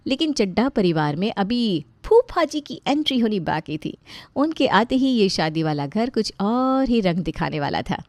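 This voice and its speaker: A woman's voice: medium pitch, very animated, moderate pace, hardly any pauses, darkish tone, no echo. Chatty woman storyteller with playful asides, dry close read. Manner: chatty, joking asides to the listener. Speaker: narrator.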